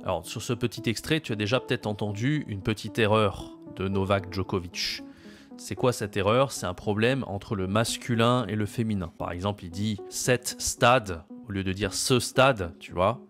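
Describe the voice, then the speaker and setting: Low-voiced French teacher, slow repeats. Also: male voice, a bit bright, soft background music. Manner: patient, repeats key phrases slowly for learners. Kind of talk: explaining French usage to learners.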